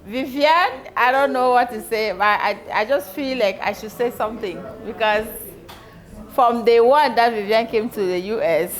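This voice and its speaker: A middle-aged woman with a fairly high voice gives a birthday toast in a party hall, speaking at a moderate pace. She tells a story and laughs often, while a loud crowd fills the recording.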